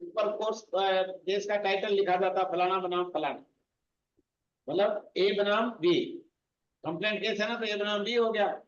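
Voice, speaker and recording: A man's voice: sits high, fairly even intonation. Echoey far-off male law teacher. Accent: Rajasthani Hindi. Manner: mixes Hindi with slow, deliberate English legal phrases; addresses students directly, explaining step by step. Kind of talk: coaching class lecture. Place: classroom. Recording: echoey, distant, muffled room recording.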